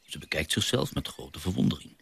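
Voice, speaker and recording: An actor playing a gentle father and naturalist who tells stories of his sea voyage, in a radio drama. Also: sits low, big pitch swings, a little fast, creaky, slightly rough, full character voice.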